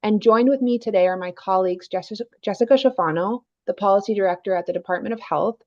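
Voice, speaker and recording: A woman's voice: medium pitch, fast, a little mellow. A woman policy advisor testifying remotely over a video call, hesitant and apologetic, speaking into her laptop microphone. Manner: apologetic, hesitant, restarts often. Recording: muffled lo-fi laptop mic.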